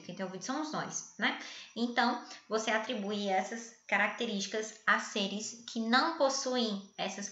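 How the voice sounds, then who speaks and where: A woman's voice: fairly high pitch, sharp tone. A woman teacher explaining grammar in a chatty, playful way, often checking in with her listeners. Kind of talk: grammar lesson. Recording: echoey room, dull lo-fi sound.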